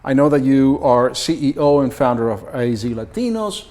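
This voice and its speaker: A man's voice: medium pitch, sing-song, moderate pace, a little mellow. A man from Ecuador with an Ecuadorian Spanish accent, hosting a casual interview show in a chatty, digressive, joking way. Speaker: talk show host.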